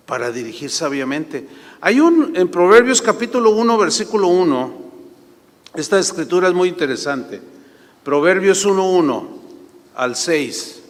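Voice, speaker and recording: A man preaching a sermon, telling stories and acting out the voices of the people in them. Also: fairly high pitch. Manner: storytelling, acts out voices. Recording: long reverb of a large hall.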